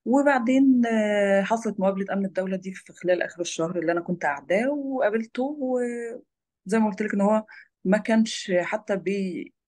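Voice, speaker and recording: A woman's voice: mid-range voice, darkish tone. A young woman with an Egyptian Arabic accent, a former lawyer turned photojournalist, recounting her own experiences as an interview guest. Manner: rapid, tumbling storytelling.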